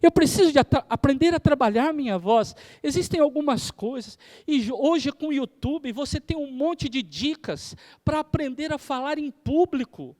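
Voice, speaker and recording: A man, a theology professor lecturing on preaching, shifting his pace and loudness for emphasis. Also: very high-pitched, lively intonation, normal speed, hardly any pauses. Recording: hall reverb.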